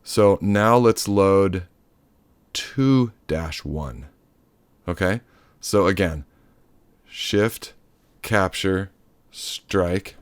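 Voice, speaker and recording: A man's voice: sits low, extremely slow, dry recording. A man giving a loose, chatty hands-on synth tutorial, cracking offhand jokes and the odd swear word. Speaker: synth module demonstrator.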